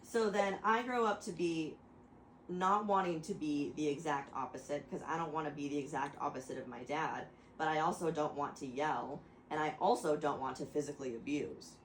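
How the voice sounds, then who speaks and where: A woman's voice: deep voice, normal speed, echoey room, slight background noise, rough recording. A woman rambling through a mock lecture to her friends, stopping and restarting and laughing often. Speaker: host explaining to friends. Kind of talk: casual chat, mock lecture.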